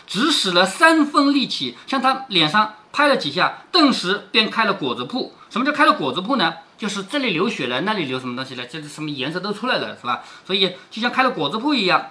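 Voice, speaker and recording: A man's voice: high voice, sing-song, fast talker, hardly any pauses, sharp tone. A man reading a classic novel aloud to his daughter, stopping often to explain it in chatty asides with rhetorical questions.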